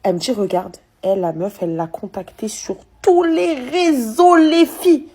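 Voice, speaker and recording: A woman's voice: sits high, normal speed, breathy edge. A young woman influencer telling a gossipy storytime straight to her viewers. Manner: animated gossipy storytelling, addresses the viewers directly. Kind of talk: storytime vlog.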